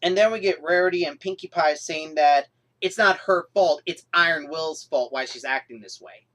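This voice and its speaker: A young woman vlogger reviewing a cartoon episode in an exasperated, animated rant with sudden outbursts. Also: low-pitched, normal speed.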